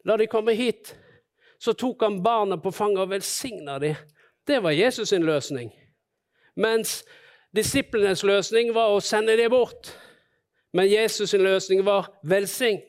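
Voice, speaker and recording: A man's voice: high voice, clean tone. A man preaching a sermon, retelling stories and acting out the people in them. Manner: storytelling, acting out the disciples and Jesus in quotes.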